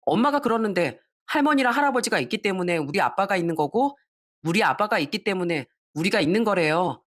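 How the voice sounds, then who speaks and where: A woman's voice: medium pitch, expressive, fairly quick, close to an everyday voice. A woman voicing a polite young grandson, speaking earnestly and respectfully.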